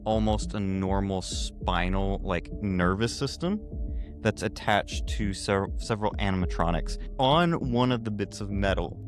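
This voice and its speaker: Low-voiced man narrating a tabletop game. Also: unhurried, soft background music. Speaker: game master.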